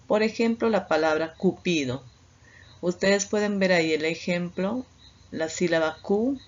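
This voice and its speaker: Slow, low-voiced Peruvian woman teaching. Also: highs cut off. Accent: Peruvian Spanish. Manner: deliberate, explanatory, uses filler "este". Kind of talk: slow online lecture with slides.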